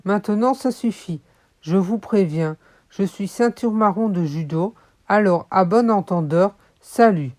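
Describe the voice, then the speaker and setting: A woman playing a defiant, loud schoolboy. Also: medium pitch, expressive, a little slow, lightly acted. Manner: loud and firm. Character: bold new schoolboy, defiant and self-assured. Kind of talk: children's audiobook reading.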